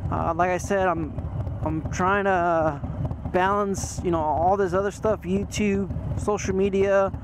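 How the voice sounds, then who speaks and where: A man's voice: sits high, fairly even intonation, background noise. A man motovlogging in a rambling, casual chat full of restarts, recorded outdoors on a motorcycle through a helmet-mounted camera. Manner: rambling, loose and unhurried, with frequent restarts. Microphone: helmet-mounted action camera.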